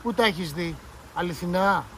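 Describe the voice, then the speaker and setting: An eager, show-off little boy, read by a man, speaks high and loud with excitement in a storybook reading. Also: a little hiss or hum.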